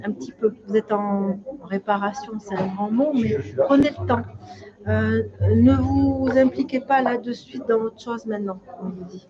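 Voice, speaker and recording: A woman's voice: on the high side, moderate pace. A woman giving live readings as a medium, speaking spontaneously in short, repeated, reassuring fragments. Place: public hall with audience. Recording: dull sound, loud crowd noise. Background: loud crowd.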